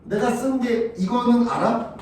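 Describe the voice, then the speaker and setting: A man's voice: very high-pitched, measured pace, a little mellow, a little hiss or hum. A male math teacher giving a classroom lecture, talking bluntly and crudely and keeping on checking whether the students follow. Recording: echoey classroom, from far off.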